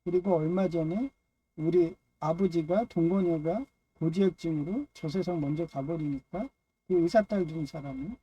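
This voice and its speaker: A man's voice: fairly high pitch, normal speed, dark tone, lo-fi sound, slight background noise. A man giving a loose, rambling personal monologue on faith and family, dropping frequent "yes" fillers between phrases. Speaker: speaker of a personal religious talk.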